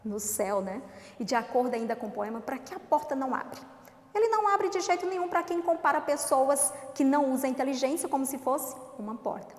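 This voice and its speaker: A Brazilian woman teacher with a slightly high voice records a lesson for small children. She speaks slowly and coaxingly, answering her own questions. The room is echoey, with a long trailing reverb. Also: lively intonation. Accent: Brazilian Portuguese. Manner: slow, coaxing, asks questions and answers them herself. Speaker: primary school teacher.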